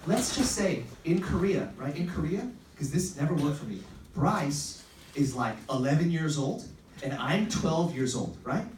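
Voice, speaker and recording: A man's voice: on the high side, expressive, unhurried, a little mellow. A man preaching an informal, upbeat youth sermon as a pastor, telling stories in a conversational way. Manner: upbeat, conversational, acts out quoted lines. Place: echoey room, recorded at a distance. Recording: roomy, distant pickup with faint noise.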